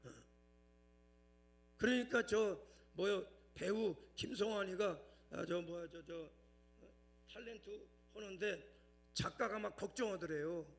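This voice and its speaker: A middle-aged man preaching a sermon in a high, gravelly voice. He works his congregation with calls for amen and hallelujah. He drops into a chatty storytelling tone to spin a humorous tale. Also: a little slow, pauses often. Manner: tells a humorous anecdote in a lowered, chatty tone. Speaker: pastor.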